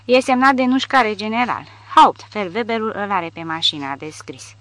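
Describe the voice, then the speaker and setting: A woman's voice: mid-range voice, fairly bright tone, no echo, pitched above the performer's own voice, natural voice. A woman reading the lines of a shaken, stammering male soldier delivering bad news. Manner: stammering, subdued.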